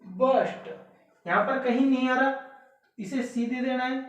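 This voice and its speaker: A woman's voice: sits high, a little slow. A woman teaching an exam prep lesson, explaining step by step, repeating key words and asking rhetorical questions. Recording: echoey room, voice far from the mic.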